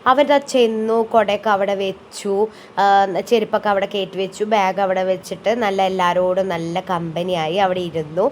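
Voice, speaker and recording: A chatty mother talks over her family vlog in a homely, easygoing way. Her voice sits at an ordinary middle pitch, recorded as a close voice-over with a faint hiss of noise behind it. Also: steady tone, moderate pace. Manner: homely, chatty, tags sentences with "ട്ടോ". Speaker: vlogger and mother. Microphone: voice-over, close mic.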